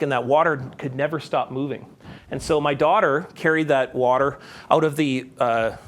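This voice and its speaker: A man giving a public talk, chatty and animated, asking his audience questions as he tells a story. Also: on the high side, slight background noise. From Canada. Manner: conversational, asks the audience, animated when telling stories. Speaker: guest speaker. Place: conference hall.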